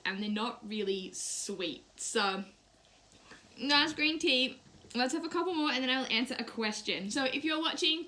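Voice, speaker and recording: A woman's voice: high voice, pushed and bright. A young woman chatting casually on a live stream, snacking and talking with her mouth full between remarks. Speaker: YouTuber and English teacher in Japan.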